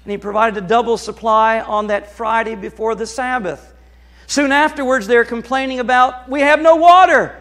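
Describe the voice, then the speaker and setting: A middle-aged American man preaching a sermon to his congregation in a church sanctuary, animated and moving as he talks, at times dropping to a quiet, confiding tone. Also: very high voice, moderate pace. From United States. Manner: animated, moves across the stage and gestures while preaching. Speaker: pastor.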